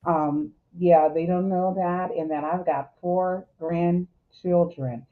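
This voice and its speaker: Woman, forties, chatty, lively, slightly low voice, tinny phone-like line. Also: slow pace. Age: 40s. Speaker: guest, coach. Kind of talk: casual chat.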